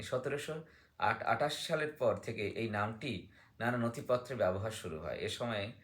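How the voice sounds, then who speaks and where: This man's medium-pitched voice has a slightly bright quality. As a book discussion guest, he takes a teacherly approach, alternating between reading aloud and posing questions he goes on to answer.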